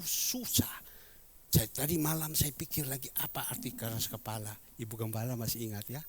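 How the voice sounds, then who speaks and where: An older man preaching a sermon in a church, with an Indonesian accent and some Mandarin words, swinging from loud, high exclamations to low, quiet storytelling. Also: slight background noise. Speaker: pastor. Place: church hall.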